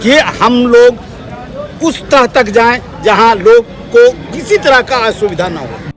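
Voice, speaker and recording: A man's voice: very high voice, animated, takes it slowly, fairly bright tone, a faint crowd. A male party worker interviewed on the street.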